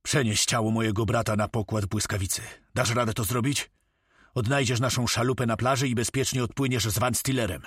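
A man's voice: mid-range voice, steady tone, fairly quick, fairly bright tone, slightly rough, no room sound, clean studio sound. A man voicing a grim pirate captain who gives firm commands. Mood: commanding.

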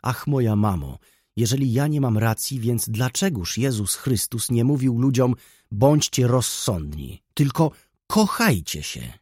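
A man reading an audiobook, voicing a gentle young woman who speaks with passion and defiance about love. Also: mid-range voice, lively intonation, measured pace, slightly rough, no room sound, studio quality. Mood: impassioned. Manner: passionate, pleading, rising to outbursts.

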